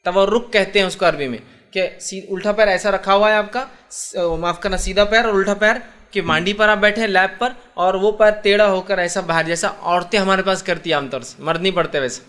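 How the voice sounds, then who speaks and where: Bright, high-voiced man teaching prayer rules. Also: brisk. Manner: explains step by step, repeats key points, asks listeners if they understand. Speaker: Islamic preacher. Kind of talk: religious lesson on prayer.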